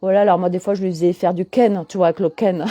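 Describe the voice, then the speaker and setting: Middle-aged woman, holistic coach, chatty live-stream host who keeps answering comments; mellow tone, dry close sound. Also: on the low side, fairly even intonation, fast, no room sound. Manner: chatty, answers viewers' comments as she talks. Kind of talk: casual live stream chat.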